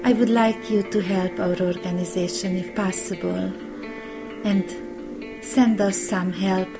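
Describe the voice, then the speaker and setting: A woman from Romania speaks with a Romanian accent in a recorded charity appeal. She talks very slowly and earnestly at a middling pitch. Plucked guitar music plays clearly behind her. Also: fairly even intonation, poor audio. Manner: slow, plain, earnest, non-native grammar. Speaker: charity founder.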